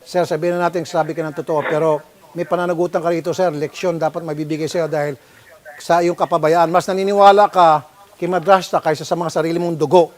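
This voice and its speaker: Filipino male broadcast host, slightly high voice, stern interrogator who scolds. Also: level tone. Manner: stern, scolding, rapid-fire questioning. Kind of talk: confrontational public-service broadcast.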